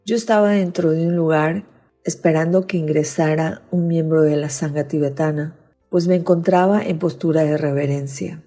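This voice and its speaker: A middle-aged woman reading her personal religious testimony in an earnest, measured way. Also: low-pitched, fairly even intonation, mellow, soft background music. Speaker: testimony speaker.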